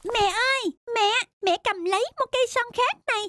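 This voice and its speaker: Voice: very high voice, normal speed, pushed and bright, a little hiss or hum, voice pushed up. Bin, a voice actor doing a scared little cartoon boy. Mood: eager. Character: small mischievous boy, timid and sweet. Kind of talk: children's cartoon voice acting.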